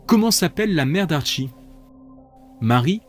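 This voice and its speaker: A man's voice: on the high side, lively intonation, unhurried, faint music behind. A man hosting a multiple-choice quiz, reading out questions and options with playful, chatty asides. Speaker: quiz host.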